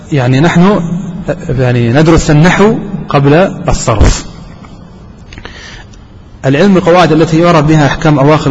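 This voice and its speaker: A man's voice: fairly high pitch, darkish tone, slight background noise. A man teaching a grammar lesson who keeps asking the class questions and answering them himself. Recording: dull recording with long hall reverb.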